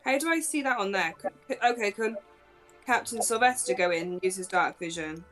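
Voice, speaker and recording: A woman playing a tabletop game asks a string of questions and sounds uncertain as she works out what her character can do. Her pitch is average, with faint music playing behind her. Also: brisk, a bit bright. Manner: unsure, questioning. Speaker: player. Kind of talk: casual tabletop play.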